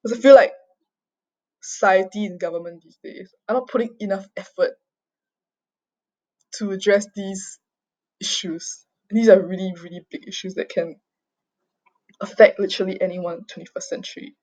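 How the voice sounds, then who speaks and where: In a dull, lo-fi home recording, a young woman vlogger from Singapore who spent most of her upbringing overseas makes an unscripted confession. She stumbles, repeats herself, swears, and keeps adding "okay?", clearly upset and agitated. Her pitch is medium, her tone steady and somewhat dark.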